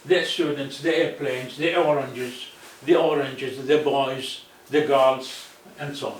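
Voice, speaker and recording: A man, a non-native speaker whose first language is Arabic, teaching a language lesson and slowly repeating phrases with frequent self-corrections. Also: mid-range voice, fairly even intonation, slight background noise. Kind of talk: slow, repetitive language lesson, mixing English and Japanese. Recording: echoey room, voice far from the mic.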